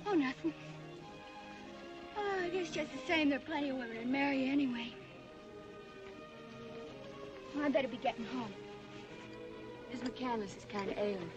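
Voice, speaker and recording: Impulsive young frontier woman, actress, high-pitched, emotional, untutored American Western speech, old Western film with music. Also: a little fast, pauses often, highs cut off, close to an everyday voice. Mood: curious, coy. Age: young adult. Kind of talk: 1940s Western film acting.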